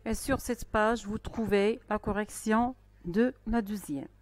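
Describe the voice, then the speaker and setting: A woman teaching a primary school spelling lesson, speaking slowly and carefully with pauses between phrases. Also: medium pitch. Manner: slow, careful dictation-style delivery with pauses. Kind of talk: recorded online lesson.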